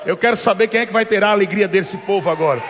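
A man's voice: high voice, fast, a bit bright, long reverb tail, some chatter behind, slight background noise, voice pushed down. A man voicing God the Father as a commanding heavenly male figure within a sermon, declaring orders.

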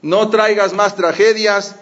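A man voicing a stern, defiant rabbi who scolds forcefully, in a muffled lo-fi recording. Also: high voice, steady tone, takes it slowly, voice pushed up. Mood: stern scolding. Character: stern older male rabbi, defiant scholar. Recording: muffled lo-fi audio.

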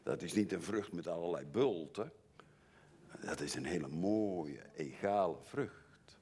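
An older male preacher with a very low voice speaks slowly and deliberately. His pitch swings widely as he moves from soft, earnest asides to emphatic declarations from the pulpit. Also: animated, slightly rough. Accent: Dutch. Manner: earnest, shifts from quiet to emphatic. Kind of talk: sermon.

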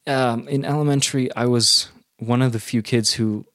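Male guest, medium pitch, animated quick bursts, dry close recording. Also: no echo. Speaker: guest artist. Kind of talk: conversational interview.

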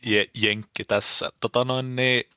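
A man's voice: mid-range voice, little pitch movement, sharp tone, clean tone, no echo, highs cut off. A Finnish man calling in to a live stream, hesitant and full of fillers. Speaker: caller. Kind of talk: phoned-in chat.

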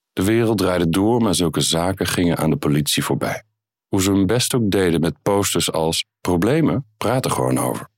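A man reading his own crime story aloud in a calm, measured way. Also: low voice, dry recording, clean studio sound.

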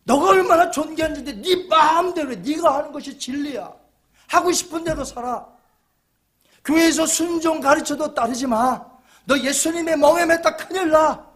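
A man doing a smug tempting devil, coaxing, raised pitch, very high voice. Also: moderate pace, a bit bright. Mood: insistent. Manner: wheedling, insistent.

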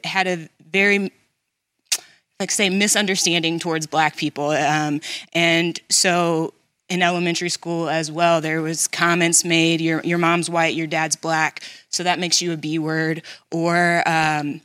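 A man from near Saint Louis who speaks earnestly and in a measured way in a casual discussion. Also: a little high, little pitch movement, pushed and bright, smooth, dry recording, studio quality. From Illinois, near Saint Louis.

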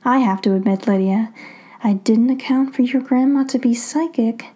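A callous fox spirit wearing a young woman's body mocks her captive with cool, lilting scorn, as a woman puts her on. It is whispered role-play, pitched a little higher, soft and breathy. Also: moderate pace. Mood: cool mockery. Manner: cool, mocking.

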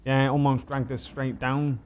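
A man's voice: medium pitch, little pitch movement, moderate pace, darkish tone, natural voice. A man voicing a simple, good-natured ship's gunner in a tabletop game, chatty and colloquial.

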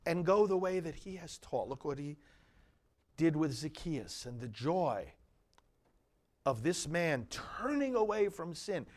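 A male priest delivers scripture and homily with solemn, deliberate emphasis. His voice sits a little high for a man and moves widely in pitch. He takes his time over each phrase, very slowly. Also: big pitch swings. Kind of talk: liturgical scripture reading and homily.

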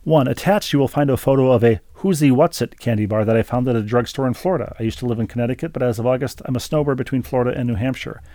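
A man's voice: medium pitch, rapid-fire, hardly any pauses, mellow, dry recording. A man co-hosting a casual podcast, reading listener letters aloud with chatty asides. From Minnesota. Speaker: podcast co-host.

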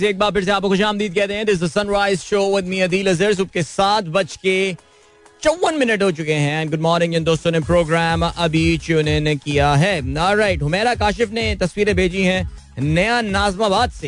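Male morning host, Pakistani Urdu accent, slightly high pitch, breezy and chatty, faint music underneath. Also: unhurried. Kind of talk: live morning show chat.

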